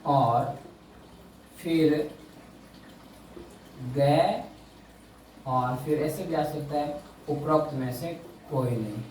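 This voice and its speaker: A man teaching a Hindi lesson, speaking slowly, stressing key words and repeating his questions to the class. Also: a little high, a little mellow, a little hiss or hum. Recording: echoey room, mic far away.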